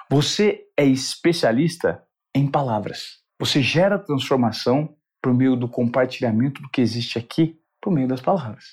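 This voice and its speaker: Animated Brazilian male host. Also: mid-range voice. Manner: animated, enthusiastic, emphatic. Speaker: interview host. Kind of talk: talk show interview with a sponsor read.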